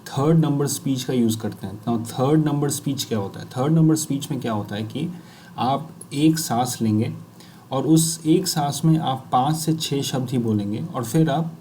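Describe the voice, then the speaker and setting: A man with an Indian accent coaching people who stammer, mixing Hindi and English and reading English sentences one word at a time with pauses. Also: mid-range voice, mellow, slight background noise. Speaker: speech fluency coach. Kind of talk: slow instructional demonstration.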